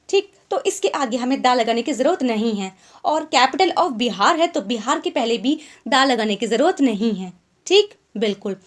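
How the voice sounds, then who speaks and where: Woman, online grammar teacher; high, animated delivery, mixes languages, slows down to read out examples. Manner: explains in Hindi mixed with English, reads examples slowly.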